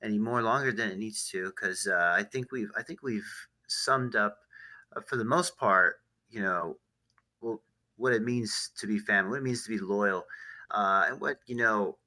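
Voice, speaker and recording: A man hosting a casual discussion podcast, talking in a halting way with many fillers and restarts. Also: fairly low pitch, bright, forceful tone, low-quality recording. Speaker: podcast host.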